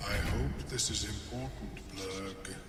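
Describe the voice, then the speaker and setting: A man's voice: fairly low pitch, takes it slowly, background noise. An actor playing a brusque, busy male fungal researcher in a game, speaking in a curt, impatient, clinical way. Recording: reverberant game audio with loud music.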